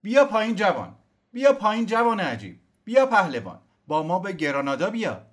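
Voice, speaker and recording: A man's voice: sits high, huge pitch swings, voice pushed up. A man reading an audiobook, voicing an exiled nobleman who calls out and pleads. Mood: pleading. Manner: calling out, pleading.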